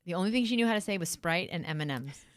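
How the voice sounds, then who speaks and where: A woman's voice: lowish voice, expressive, quick pace, no echo, studio quality. A woman in her thirties hosting a casual interview with her best friend, playful and teasing. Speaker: host.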